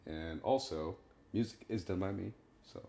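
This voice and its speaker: A man's voice: low-pitched, normal speed, vocal fry, dark tone. A man guesting on a podcast, chatting in an easygoing, agreeable way. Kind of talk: casual podcast chat.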